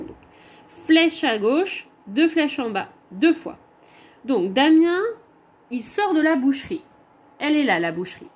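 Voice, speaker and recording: Slow, patient high-voiced French woman teacher. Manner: slow, patient, pointing things out step by step. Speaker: primary school teacher. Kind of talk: recorded homework correction for pupils.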